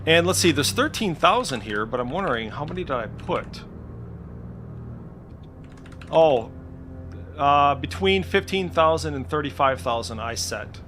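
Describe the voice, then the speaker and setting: A man with a fairly high, lively voice walks through some tech on screen at his computer indoors, a casual, unscripted video from a tech creator. He takes his time, pausing at length and sounding hesitant as he thinks aloud, with the occasional mild swear. His tone is a bit bright, and there's a slight hiss or hum on the recording.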